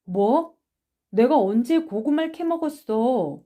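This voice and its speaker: A woman's voice: on the high side, unhurried, mellow, close to an everyday voice. A woman voicing a defiant, poor schoolboy who answers in curt, stubborn retorts in an audiobook reading. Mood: indignant.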